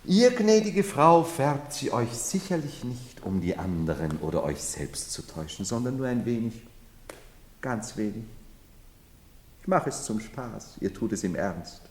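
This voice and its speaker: A feverish self-styled emperor. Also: male voice, mid-range voice, very animated, a little slow. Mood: hushed, confiding. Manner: theatrical, swinging from loud pleading to hushed murmurs. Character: man who believes he is emperor, feverish, grandiose. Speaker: title role in radio play. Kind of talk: 1970s radio drama acting. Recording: long hall reverb.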